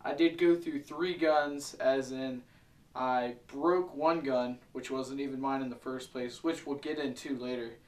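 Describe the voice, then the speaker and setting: A man's voice: medium pitch, fairly even intonation, a little slow. A man hosting a video, giving a casual vlog recap. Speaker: video host. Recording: echoey room, distant mic, faint music. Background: faint background music.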